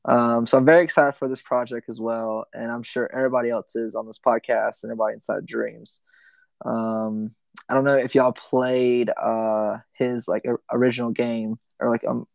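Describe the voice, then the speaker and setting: A man's voice: mid-range voice, level tone, moderate pace, gravelly, darkish tone, no room sound. Rambling young man hosting a podcast. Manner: rambling with many ums and restarts. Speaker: podcast host. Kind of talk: casual gaming podcast chat.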